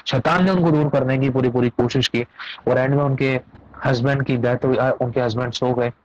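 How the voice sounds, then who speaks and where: A man's voice: medium pitch, steady tone, brisk, no room sound. Male pastor telling a sermon story. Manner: emphatic, repetitive preaching. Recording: dull lo-fi dry recording.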